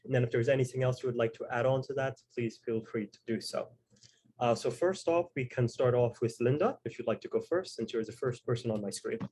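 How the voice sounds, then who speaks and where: A man hosts a panel discussion over a video call. He explains things at a measured pace, often pausing with fillers as he introduces each guest. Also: mid-range voice, a little mellow, husky. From Tuareg heritage. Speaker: host and moderator.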